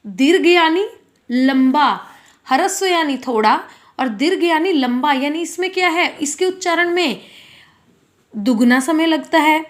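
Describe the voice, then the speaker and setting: Slow-speaking, high-voiced woman teacher. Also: lively intonation. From India. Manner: slow, patient, asks questions and answers them. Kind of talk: school grammar lesson.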